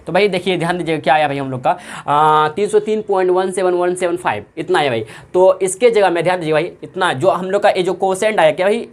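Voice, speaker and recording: A woman math teacher with a Bihari Hindi accent, working through sums in a classroom lesson and answering her own repeated questions. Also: low-pitched. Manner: asks questions and answers them herself, repeats every step.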